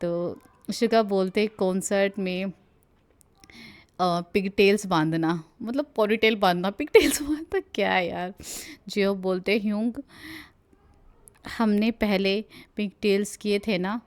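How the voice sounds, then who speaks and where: A woman's voice: medium pitch, unhurried. A young woman casually retelling a live stream in Hindi, reading out what each person said and often laughing as she goes. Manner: giggly, chatty, breaks into laughter while reading. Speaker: fan translator narrating a live stream.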